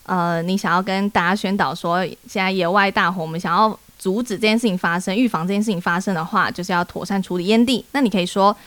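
A young woman with a Taiwanese Mandarin accent co-hosting a podcast, explaining English sentences clearly and joking along. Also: medium pitch, steady tone, fast, hardly any pauses, fairly bright tone, no echo. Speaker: podcast co-host teaching English. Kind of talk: casual chat with English lessons.

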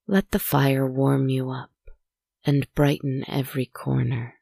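A woman softly narrating a guided relaxation story in a hushed, soothing, spa-like manner, with deliberate, poetic phrasing. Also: extremely low pitch, little pitch movement, creaky, slightly rough, dry recording, studio quality.

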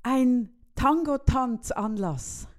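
A man's voice: very high voice, expressive, drawn-out words, voice pushed up, full character voice. Brief: Swiss woman quoting an older man, seventies, polite, fretful, insistent. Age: 70s.

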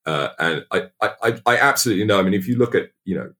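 A middle-aged man from England in casual podcast chat, talking haltingly with many restarts and fillers. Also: sits low, lively intonation, bright, forceful tone.

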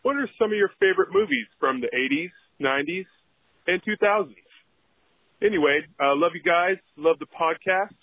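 A man's voice: high voice, animated, normal speed, no room sound. A male caller leaving a casual voicemail message over a phone line. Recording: tinny muffled phone voicemail.

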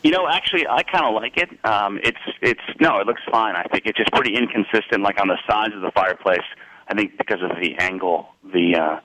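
A man calling in to a radio show over a phone line, speaking in a friendly but halting way with many pauses. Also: on the low side, pushed and bright.

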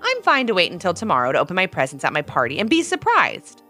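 A woman voicing an eager young boy looking forward to his birthday, excited and a little sneaky. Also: on the low side, quick pace, faint music behind, full character voice.

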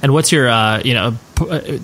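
A man's voice: mid-range voice, normal speed, fairly bright tone. Chatty male podcast host. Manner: chatty, filler-heavy, affirming with "right, right". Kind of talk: casual podcast interview.

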